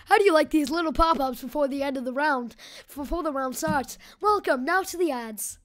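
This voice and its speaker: A young woman with a high voice riffs through casual gameplay commentary. She is hyper and goofy, cracking jokes and breaking into loud yells and silly chants. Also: fairly quick. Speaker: gaming channel host.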